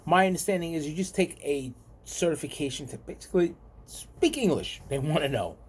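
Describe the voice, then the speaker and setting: Rambling New York man, high voice. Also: expressive, brisk, husky. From United States. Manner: rambling, conversational, repeats himself. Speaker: vlogger. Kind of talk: casual talk to camera.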